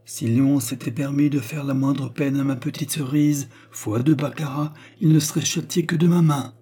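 A man's voice: mid-range voice, moderate pace, warm tone, breathy edge, lightly acted. A man reading an audiobook, voicing a tender but impetuous woman who protects her younger sister. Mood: fierce. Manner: tender, then fiercely protective. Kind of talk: audiobook character voice.

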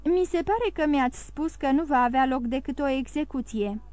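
A woman voicing an uneasy young gentleman asking nervous questions. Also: high voice, animated, no echo.

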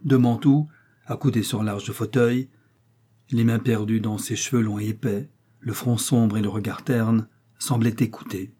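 Husky-voiced male audiobook narrator. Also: on the low side, fairly even intonation, mellow. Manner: measured, dramatic reading. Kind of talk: scripted narration of a historical novel.

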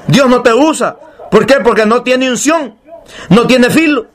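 Preacher guy, really high voice, repeats stuff for emphasis, slows down to read the bible. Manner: emphatic, repeats phrases, rhetorical questions. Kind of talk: sermon.

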